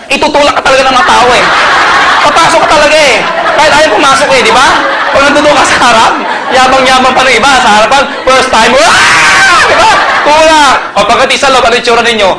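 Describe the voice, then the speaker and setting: Male seminar presenter, high voice, playful and teasing with a live audience, crowd and hiss behind. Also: fast talker. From Pangasinan, Philippines. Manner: joking, storytelling, quizzes the crowd. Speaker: marketing presenter. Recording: noisy hall with a reacting crowd.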